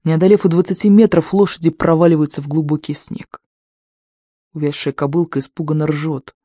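An audiobook narrator reading scripted prose in a steady, measured way. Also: medium pitch, dry recording, studio quality.

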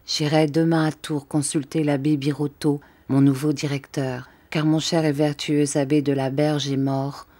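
A woman's voice: low-pitched, level tone, normal speed, few pauses, mellow. A woman reading the part of a tormented, devout young countess in an audiobook, pleading and questioning. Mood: anguished.

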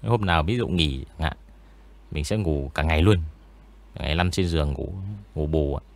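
Deep-voiced man, rambling. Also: moderate pace, creaky. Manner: relaxed, rambling, many fillers. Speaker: ghost story narrator. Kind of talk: casual interview chat.

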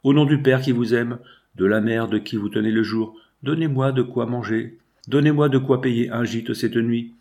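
A frightened young girl pleads for mercy and food, her voice trembling and imploring, as a male storyteller gives her lines in his own middle-pitched voice. The reading stays close to the narrator's everyday tone, with only a slight lift of urgency. It is a storybook telling rather than a full performance. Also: steady tone, moderate pace, a little mellow, close to an everyday voice. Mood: pleading.

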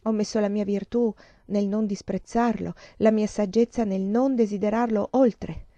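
A woman voicing a worldly, pleasure-loving young courtesan who speaks to her sister gently and slowly, in a dull lo-fi recording. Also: mid-range voice, fairly even intonation, no echo, natural voice. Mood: reproachful.

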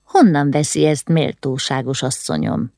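A woman voicing a proud, eccentric middle-aged landowner who speaks with measured, restrained calm. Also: a bass voice, gravelly, no echo, studio quality.

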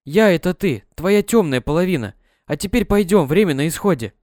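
A man voicing an eerie little ghost girl, a coaxing, insistent dark twin in a storybook. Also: a little high, lively intonation, brisk, no echo, studio quality, voice pushed up, natural voice. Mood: urgent.

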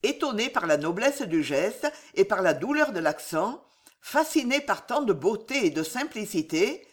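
A woman narrating a historical novel in an audiobook, in a measured, expressive manner. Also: mid-range voice.

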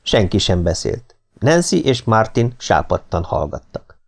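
Brief: male audiobook reader, low and gravelly, lively intonation, steady expressive read. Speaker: audiobook narrator. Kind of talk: audiobook narration.

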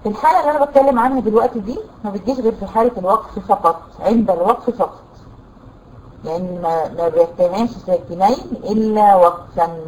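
A woman with an Egyptian Arabic accent teaching a tajweed lesson, explaining rules patiently, quizzing her students and reciting examples slowly. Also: mid-range voice, a little mellow, a little hiss or hum, poor audio. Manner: quizzes students with rhetorical questions.

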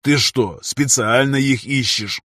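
A man voicing a stern, weary male owner of gladiators in an audiobook, speaking slowly and loudly with a husky voice. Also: mid-range voice, no room sound, clean studio sound. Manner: slow, stern, loud and commanding. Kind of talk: audiobook character voice.

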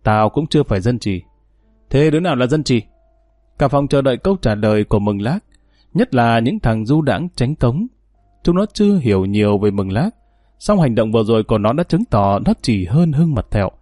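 A man narrating a story audiobook in a steady, even storytelling manner. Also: mid-range voice, no room sound, studio quality.

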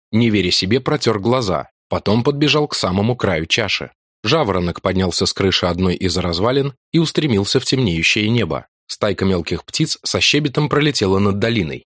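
A man reading an adventure audiobook in measured, even scripted narration. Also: fairly low pitch, no room sound, clean studio sound.

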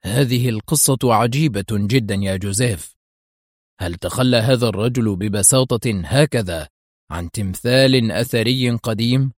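A man voicing a menacing elderly male spymaster who shouts threats through clenched teeth. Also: medium pitch, normal speed, no room sound, studio quality, lightly acted. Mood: stern.

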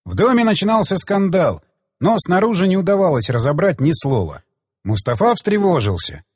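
A man narrating an audiobook with expressive storytelling. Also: sits high, moderate pace, husky, dry recording, clean studio sound, in a large hall. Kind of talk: scripted narration.

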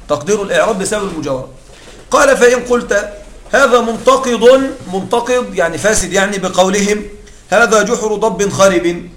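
A man's voice: high voice, a bit bright, slight background noise. A man teaching Arabic grammar to a class. He explains step by step and keeps asking the students whether they follow. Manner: explains step by step, often asks the class to confirm. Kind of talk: classroom lecture. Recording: echoey room, far from the mic.

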